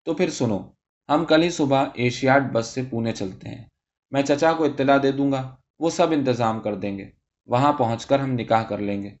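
A man voicing an earnest young man who speaks softly and persuasively to his beloved, on a dull recording. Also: medium pitch, close to an everyday voice. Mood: tender. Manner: soft, affectionate, persuasive. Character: earnest young man, tender and reassuring lover.

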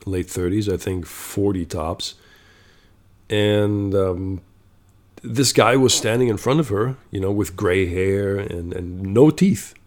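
A man's voice: fairly low pitch, slow, a little mellow. A man telling a story in a casual monologue, blunt and profane, growing exasperated and checking in with "okay?".

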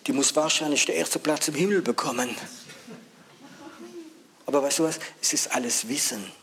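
Preacher swinging from hush to urgent calls. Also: male voice, fairly high pitch, moderate pace. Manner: swings between hushed near-whispers and loud urgent calls; asks the audience questions. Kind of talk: sermon.

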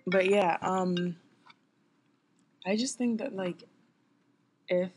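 A young adult woman co-hosting a casual podcast, chatty and quick to laugh, trailing off with filler words. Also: mid-range voice, over music. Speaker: podcast co-host. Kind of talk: casual chat.

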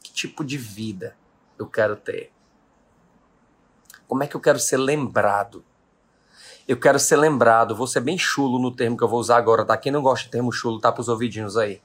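He has a medium-pitched, breathy-edged voice and a brisk delivery broken by frequent pauses. The speaker is a business owner from Brazil in his late thirties, giving a motivational live-stream talk with force and repeating the questions that matter most.

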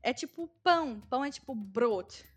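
This Brazilian guest, based in Germany, speaks with a high-pitched, breathy voice and lively intonation at a moderate pace. Her casual conversation carries a Brazilian Portuguese accent and plenty of fillers, with faint background music.

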